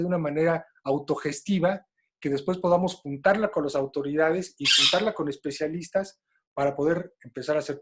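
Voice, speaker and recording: A man with a Mexican accent runs the conversation on a slightly higher voice. He speaks casually and colloquially and slips into long anecdotes. He sounds relaxed as he hands the floor to the other speakers. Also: slightly rough. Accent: Mexican Spanish. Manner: storytelling, loose and colloquial. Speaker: moderator. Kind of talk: casual panel talk.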